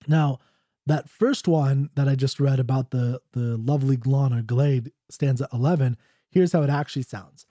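A man's voice: mid-range voice, moderate pace, warm tone, no echo, studio quality. A man talking casually about an old ballad, then reading it aloud in a mock Scottish accent. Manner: chatty, full of "you know" and "right?". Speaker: ballad reader and explainer. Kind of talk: casual explanation and poetry reading.

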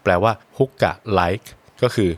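A man's voice: fairly low pitch, slow. A man co-hosting a casual book podcast, telling anecdotes and acting out quoted exchanges. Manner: storytelling, acts out quoted dialogue. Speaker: podcast co-host.

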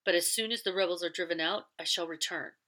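A woman's voice: lowish voice, fast talker, sharp tone. A woman reading aloud and voicing a stern, cold middle-aged master who speaks in curt commands. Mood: grim.

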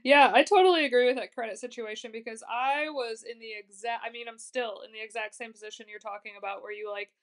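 A woman's voice: a little high, fast, hardly any pauses. A woman in her twenties hosting a podcast, chatting casually with lots of "like" fillers and easy laughs. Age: 20s. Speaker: podcast host.

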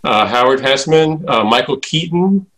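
Man, casual talk, rambling, lots of uhs, middle pitch. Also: expressive, moderate pace, a bit bright, low-quality recording. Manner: rambling, many filler "uh"s. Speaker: guest, former comedy writer and producer. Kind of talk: casual reminiscing chat.

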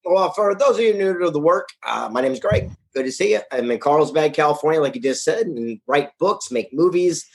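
A man's voice: a little high, lively intonation, a little fast, creaky, hardly any pauses. Upbeat, blunt-talking male guest. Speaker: guest, author and event founder. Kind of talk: casual interview talk. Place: Carlsbad, California.

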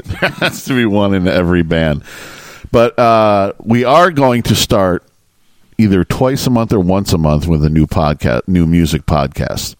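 A man's voice: low voice, a little slow, dry recording. A man hosting a podcast, teasing and easygoing in casual banter. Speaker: podcast host.

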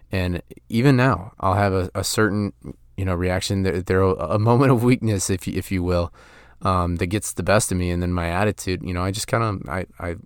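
A man's voice: low-pitched, clear, resonant tone, no echo, studio quality. A man in his thirties hosting a motivational podcast, talking earnestly with many restarts and fillers. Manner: earnest, frequent restarts and "you know" fillers. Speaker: podcast host.

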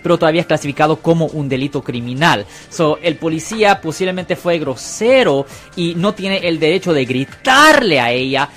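A man hosts a legal call-in show, explaining the law plainly and patiently. His voice sits fairly high and he often says "Ok." Faint music plays softly behind him. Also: lively intonation, moderate pace, hardly any pauses. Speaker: radio host, lawyer answering callers.

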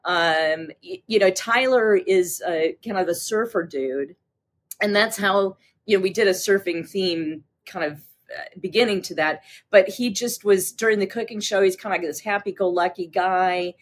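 A woman speaking as an interview guest in casual conversation, enthusiastic and quick to laugh. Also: medium pitch.

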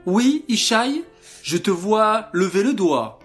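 A man's voice: high voice, big pitch swings, takes it slowly, faint music behind, pitched above the performer's own voice, exaggerated voice. A man voicing a kind, cheerful schoolteacher in a children's story, in an encouraging tone. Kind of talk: storybook character voice.

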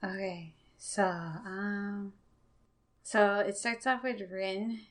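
A woman's voice: medium pitch, very slow. A woman casually recapping an anime storyline, hesitating often with "uh" and "um". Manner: hesitant, many "uh" and "um". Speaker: podcast guest recapping.

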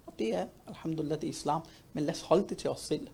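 A man speaking at a youth talk, emphatic and animated, often repeating words to drive a point home. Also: a little high, gravelly, husky. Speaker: panel speaker.

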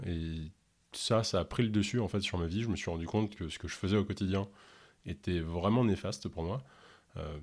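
A man from Ontario who speaks French with no accent, answering interview questions in a halting way with many fillers. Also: sits low, a little mellow. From Canada, Ontario. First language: English. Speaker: podcast host and health coach.

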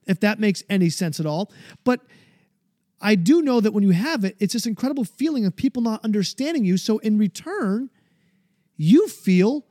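A man in his forties shares his own mental health story in a personal monologue, earnest and often searching for words. His voice is high-pitched with a dark tone, recorded clean in the studio with no room sound.

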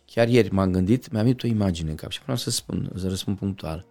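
A middle-aged man talking as an interview guest, passionate, swinging from loud outbursts to quiet reflection. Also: sits low. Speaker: podcast guest. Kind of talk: conversational interview.

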